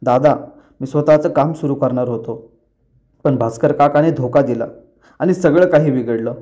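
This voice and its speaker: A man's voice: medium pitch, moderate pace, mellow, close to an everyday voice. A man voicing a young husband from a TV serial, apologising in a subdued way. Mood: guilty.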